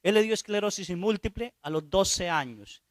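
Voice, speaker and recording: A man's voice: sits high, animated, normal speed, no echo, clean studio sound. A male priest preaching, telling a story and asking the congregation questions as he goes. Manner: storytelling, asks the audience questions. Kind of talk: sermon.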